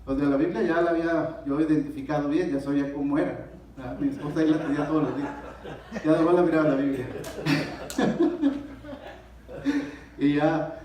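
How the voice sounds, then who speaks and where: A man with a Mexican accent giving a personal testimony in church, telling his story with lively, acted-out dialogue. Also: a little high, fairly quick, long pauses. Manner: animated storyteller, acts out dialogue. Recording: echoey church hall, distant mic.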